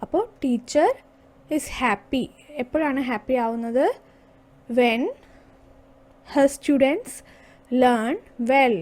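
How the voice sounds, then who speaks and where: A woman with a Malayali accent teaches a primary school English lesson in a high voice. She is patient, stops to ask the class questions, then answers them herself and reads the English lines out slowly. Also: a little mellow. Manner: patient, slowing down to read English lines aloud.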